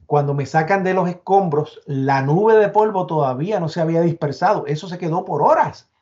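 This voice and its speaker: A man's voice: a little high, darkish tone, muffled recording. A man from Puerto Rico with a Puerto Rican accent, giving an emotional first-person account as an interview guest, often stumbling over and repeating his words. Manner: halting, repeats and restarts words under emotion.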